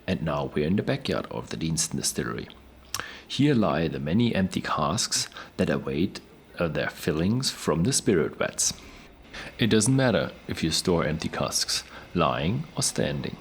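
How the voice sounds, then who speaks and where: A male tour presenter with a very low, gravelly voice describes the sights in a lively, varied pitch. It is a noisy location recording with ambient hum behind him. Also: moderate pace.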